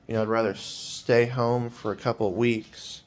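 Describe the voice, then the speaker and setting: A man's voice: mid-range voice, level tone, normal speed. A man in his twenties talking in a personal vlog, hesitant and rambling with many fillers, sounding weary and anxious. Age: 20s.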